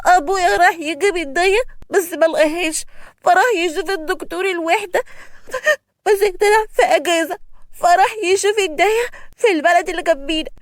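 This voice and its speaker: A small village boy, anxious and pleading in a high young voice, as a woman puts him on. The lines come fast, in a dry close sound with no room around them. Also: no room sound. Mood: upset. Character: small crying village boy, worried for his mother.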